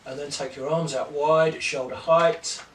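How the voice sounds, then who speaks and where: A man teaching a yoga class, calmly and slowly guiding breathing and poses. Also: a little high, a little hiss or hum. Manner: slow, gentle, calm cueing of breath and poses. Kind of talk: guided yoga class instruction. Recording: roomy echo, distant mic, faint ambience.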